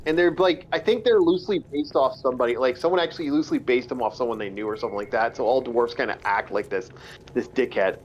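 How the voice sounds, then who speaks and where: A man's voice: mid-range voice, fast, highs cut off, a little hiss or hum. A man casually chatting about fantasy games on a live stream, rambling and swearing freely. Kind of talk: casual chat while gaming.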